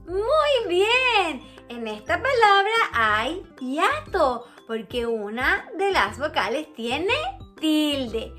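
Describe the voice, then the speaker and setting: A woman's voice: sits high, a bit bright. A young adult woman teaching a grammar lesson to children, patient and sing-song, drawing out key words.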